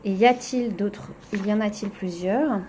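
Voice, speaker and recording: A woman's voice: medium pitch, moderate pace, darkish tone, slight background noise. A woman teacher going over a poetry exercise in a recorded lesson, explaining step by step with frequent "donc" and "hein".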